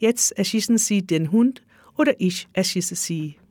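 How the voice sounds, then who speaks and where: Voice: mid-range voice, darkish tone, no room sound, natural voice. A stern German soldier gives curt orders, as an audiobook reader voices him. The sound is dry and close.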